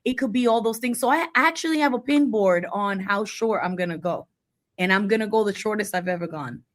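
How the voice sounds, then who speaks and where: A woman's voice: mid-range voice, brisk. A woman in her forties co-hosting a podcast, chatting casually and giving firm, playful opinions. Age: 40s. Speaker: podcast co-host. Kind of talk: casual chat.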